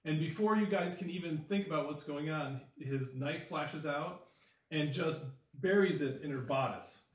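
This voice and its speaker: A man's voice: a little high, a little slow. A man narrating as game master of a tabletop game, with frequent fillers. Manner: fillers, vivid scene narration. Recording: roomy, distant mic.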